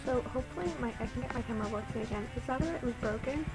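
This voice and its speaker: A woman's voice: a little high, racing, loud music behind the voice, poor audio. A young adult woman chatting casually to camera in her bedroom, rambling informally, her speech slightly impeded by a retainer. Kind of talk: casual vlog chat to camera. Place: bedroom at home.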